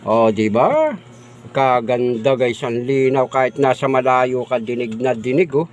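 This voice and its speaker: A middle-aged man vlogging about his new microphone. He talks slowly and loosely, tossing in the same filler phrases again and again. He runs through sound checks, sometimes from farther off the mic. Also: medium pitch, faint music behind. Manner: chatty and repetitive, says "guys" and "oh, di ba" often. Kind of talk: casual unboxing vlog.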